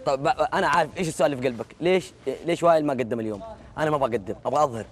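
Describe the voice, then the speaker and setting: A man's voice: a little high, rapid-fire. A man with a Gulf Arabic accent chatting casually and animatedly in a group, often repeating his words insistently. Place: large walled courtyard set with a group of men.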